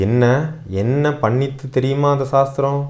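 A man voicing a stern, hot-tempered middle-aged son who shouts harshly in a dramatic story reading. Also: mid-range voice, fairly even intonation, normal speed, voice pushed up, lightly acted. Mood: furious.

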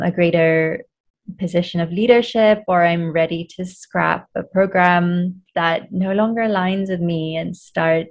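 A woman guest in an interview, a coach explaining her work in a thoughtful, measured way. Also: lowish voice, muffled recording. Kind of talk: conversational interview.

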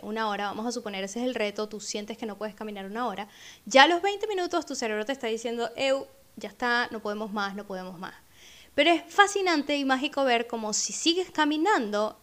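A woman's voice: high-pitched, a bit bright. A woman hosting a podcast, talking through a personal story in a reflective, conversational way and acting out remembered speech. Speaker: podcast host.

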